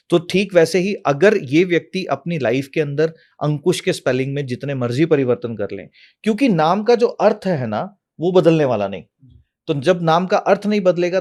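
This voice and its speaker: In an interview, a guest expert on astrology and numerology explains things at length. His voice sits a little high, and he speaks calmly, like a teacher, posing questions and then answering them himself.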